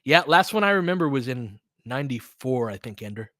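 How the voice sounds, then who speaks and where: Brisk, bright and forceful, a man hosting casual live basketball commentary talks with listeners in an animated, mildly profane way, trailing off into asides. He's a play-by-play host and coach with a medium-pitched voice, captured at studio quality with no room sound.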